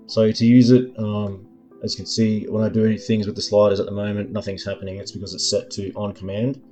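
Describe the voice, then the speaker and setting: A man demonstrating his own app in a screen-recording tutorial, explaining each control in an unhurried way, with lots of ums and uhs as he thinks aloud. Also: lowish voice, darkish tone. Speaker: developer demoing his app.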